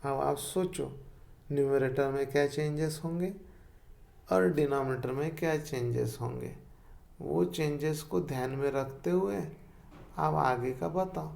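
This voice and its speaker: A man teaches math in a slow, unhurried way, patiently going over each step again and again. His voice is strongly gravelly and sits a little high for a man. A faint hiss of noise runs under the recording. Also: darkish tone. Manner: patient, repeats each step, checks if students follow. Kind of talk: explaining a math lesson step by step.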